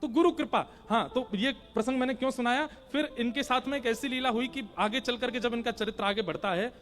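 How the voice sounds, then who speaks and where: A man preaching a devotional sermon in an animated storytelling style, acting out the people in his story. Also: very high voice, a little fast. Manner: animated, breaking into song and acting out characters.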